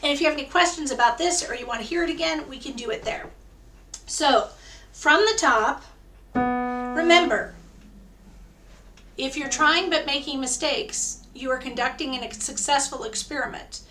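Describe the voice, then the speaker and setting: Bright-voiced woman choir director, echoey room. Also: high voice, moderate pace, long pauses, slight background noise. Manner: encouraging, coaching call-and-response, sings demonstrations. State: voice tiring. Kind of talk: online choir rehearsal, teaching a round by ear. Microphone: video call.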